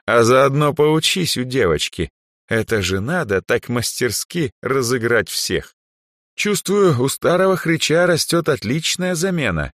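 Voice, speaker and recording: A man's voice: medium pitch, big pitch swings, a little slow, fairly bright tone, no room sound, clean studio sound, voice pushed up. A man voicing an aging male archmage who sighs, lectures and sometimes snaps in anger. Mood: wry. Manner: sighing, lecturing, flares into anger. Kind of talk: audiobook character voice.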